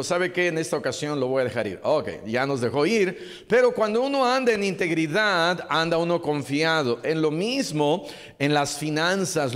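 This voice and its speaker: A male pastor preaches earnestly, pressing his points home by repeating them. His voice sits a little high for a man. It rings out with a long reverb through a church hall. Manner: earnest, exhorting, repeats key phrases. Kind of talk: sermon.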